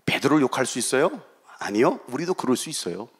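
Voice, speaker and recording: A middle-aged man preaching a revival sermon as guest pastor, swinging between loud shouting and quiet asides and acting out quoted voices. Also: mid-range voice, sing-song, fast talker, breathy edge.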